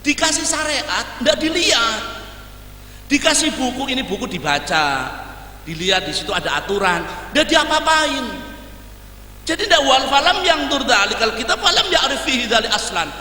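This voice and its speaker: Male preacher, very high and piercing voice, animated teaching with acted-out scenes, distant mic in a reverberant hall with faint hum. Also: normal speed. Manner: conversational teaching, mixing in Javanese and Arabic phrases; animated, acts out everyday scenes. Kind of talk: sermon.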